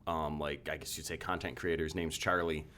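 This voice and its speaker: A man's voice: very deep voice, level tone, normal speed, bright, forceful tone. A man co-hosting a casual podcast, telling long rambling stories full of fillers and restarts. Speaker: podcast co-host. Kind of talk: casual chat.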